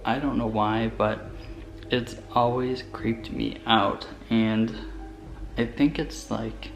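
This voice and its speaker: A young adult man with a gravelly voice telling stories in a casual, hesitant, rambling vlog style, recorded inside a house. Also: lowish voice, steady tone, slow pace. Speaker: vlogger. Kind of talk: casual vlog storytelling to camera. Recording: music bed under the voice. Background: background music.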